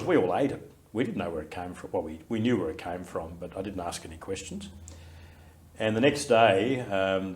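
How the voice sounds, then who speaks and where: Aussie vet in his 60s telling old stories, kinda low voice, lots of ums and restarts. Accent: Australian. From Australia. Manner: reflective storytelling, many fillers and restarts. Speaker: war veteran interviewee. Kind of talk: oral history interview.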